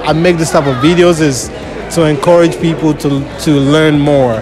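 A man's voice: fairly high pitch, fairly even intonation, normal speed. A young Nigerian man hosting a casual street quiz in a shopping mall, friendly and teasing, singing bits of songs. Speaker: street interviewer and channel host. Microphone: handheld phone. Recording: busy mall with crowd and music.

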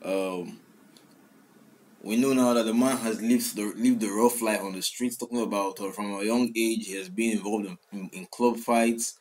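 In a small room with a song playing behind him, a young man hosts a reaction, talking casually and restarting often as he repeats the lyrics, with many fillers. His lowish, darkish voice has fairly even intonation and a moderate pace, and the rough recording carries a little hiss or hum.

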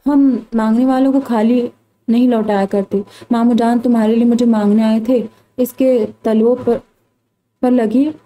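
A woman reading the lines of a bold, self-assured young woman who speaks calmly and tauntingly. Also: on the high side, moderate pace, a little hiss or hum, close to an everyday voice, rough recording. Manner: calm, cool, taunting.

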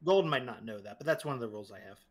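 A man chatting in a group game on voice chat, rattling off his house rules quickly. His pitch is in a middle range, and he jokes as he explains. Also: lively intonation, a crowd in the background. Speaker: fellow streamer and game host. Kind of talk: casual gaming chat.

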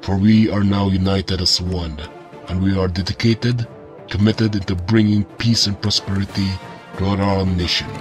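A man, his voice run through a voice changer, plays a stately national leader who declaims a formal address with solemn weight. The altered voice sits very low and deep. Faint music plays underneath. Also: steady tone, normal speed. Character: stately male leader of a united island nation.

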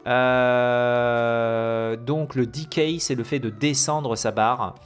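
A man hosts a gaming video and talks loosely through patch notes at a middling pitch. He stumbles through fillers and restarts, and he reads the English terms with a heavy French accent. Soft music plays faintly under his voice. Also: steady tone, drawn-out words. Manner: hesitant, many fillers and self-corrections. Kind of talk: casual commentary on game patch notes.

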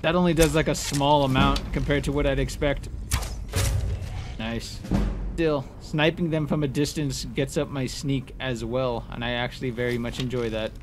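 Music plays behind a man whose mid-range voice stays fairly even as he talks at normal speed. He's a gamer giving relaxed commentary, teasing enemies and exclaiming, with game ambience making the background clearly noisy.

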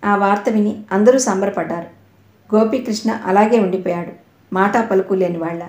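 A woman narrates an audio novel with steady, dramatic storytelling. Her voice is of middle pitch and rings in a roomy, echoing space. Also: moderate pace.

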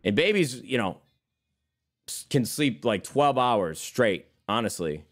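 A man's voice: medium pitch, big pitch swings, takes it slowly. A man in his thirties, a streamer chatting casually with his viewers. He rambles from one topic to the next, swears freely and keeps calling his listeners brother. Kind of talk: casual chat.

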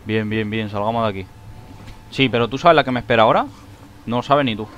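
A man giving excitable let's play commentary, shrieking when he panics. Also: medium pitch, quick pace, muffled recording, slight background noise. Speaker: gaming YouTuber.

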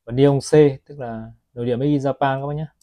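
A man's voice: medium pitch, steady tone, quick pace, warm tone. A man selling watches, chatting to his viewers as he films a product review on his phone. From Vietnam. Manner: chatty, keeps addressing viewers as "các bác". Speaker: watch seller.

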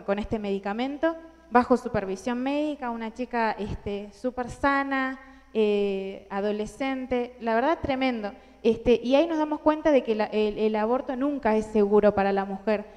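A young woman with an Argentine Spanish accent speaks in a highish, darkish voice at a conference. Her earnest talk to the large audience in an indoor hall is full of fillers and restarts, captured with hall reverb.

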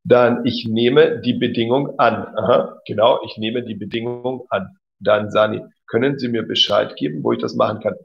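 A man with a medium-pitched, fry-tinged voice teaches German on a live stream at a normal speed, barely pausing as he reads viewers' messages aloud. He's encouraging, praises people often, and keeps saying "genau" and "cool." The audio is dull and lo-fi.

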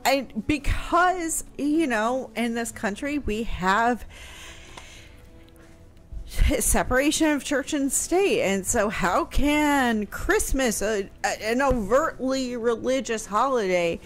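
A middle-aged American woman speaks slowly and animatedly in a high-leaning voice as the historian and guest expert on a casual radio discussion show. She's indoors in a room at home, using a close studio mic on a boom arm and wearing headphones, with faint music behind her.

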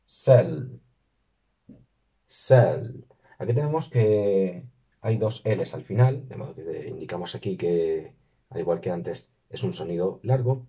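A man talks through a screen-recorded lesson. His voice is low and husky. He slows down to sound out each word with care, and the recording is dull and lo-fi. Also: mellow. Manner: careful, slows and stresses words when modelling pronunciation. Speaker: language teacher.

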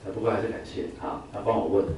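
A male teacher lectures on vocabulary, peppering his explanations with "啊" and leading drills. His fairly low voice comes from across a very echoey classroom. Faint noise sits under the recording. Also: flat delivery, very fast, darkish tone, recorded from a distance. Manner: explains with frequent "啊" fillers, drills words for the class to repeat.

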